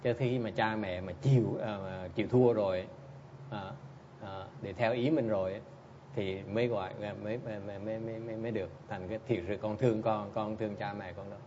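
A man's voice: fairly low pitch, steady tone, a little fast, mellow, muffled recording, a little hiss or hum. Blunt teasing man giving a dharma talk. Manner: blunt, teasing, keeps prompting listeners with "Hả?". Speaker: Buddhist teacher answering audience questions.

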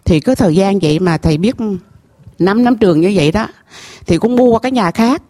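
A middle-aged woman with a Southern Vietnamese accent gives an emotional personal testimony at a temple gathering. She speaks earnestly and haltingly, repeats herself, and keeps addressing the master. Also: medium pitch, expressive, mellow. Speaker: temple visitor telling her story.

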